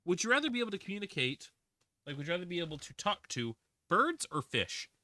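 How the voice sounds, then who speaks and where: A man in his twenties livestreams a game, chatting casually and rambling with plenty of fillers and restarts. His voice sits high, sing-song and sharp, at a quick pace. The recording is dry and studio-quality.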